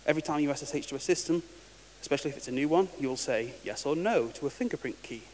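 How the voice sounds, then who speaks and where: This conference speaker talks fast and expressively, with a fairly high pitch and a darkish tone. His technical presentation is casual and wry, punctuated by frequent word restarts, and the large hall leaves the recording reverberant with faint hiss.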